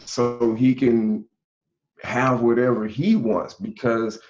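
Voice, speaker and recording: A man's voice: mid-range voice, little pitch movement, takes it slowly, a little mellow. A forty-year-old man co-hosting a podcast, speaking earnestly in casual conversation and thinking aloud as he goes. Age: 40s. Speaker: podcast co-host. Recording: dull lo-fi sound.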